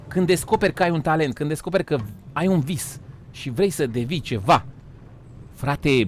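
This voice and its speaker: A Romanian man streaming a game live, joking loudly, swearing and calling his viewers "frate", often breaking into shouts and laughs. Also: sits high. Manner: swears and says "frate" a lot. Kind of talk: live gaming stream chat.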